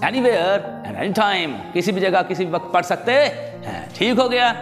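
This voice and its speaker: A man teaching an English lesson, who reads English terms slowly and repeats them with meanings. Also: a little high, long reverb tail. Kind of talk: classroom lesson explaining answers and spellings.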